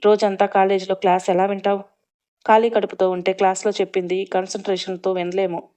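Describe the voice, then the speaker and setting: A woman voicing a gentle, caring middle-aged mother who coaxes softly in a storybook reading. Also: mid-range voice, flat delivery, a little fast, natural voice. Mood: gently coaxing. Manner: soft, coaxing.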